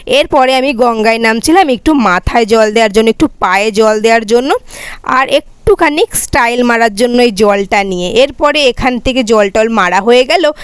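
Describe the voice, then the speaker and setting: A young woman narrating her day-out vlog in a quick, chatty way. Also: fairly high pitch, clear, resonant tone, no room sound. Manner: fast, chatty, says herself she talks quickly. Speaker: vlogger. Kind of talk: casual vlog voice-over narration.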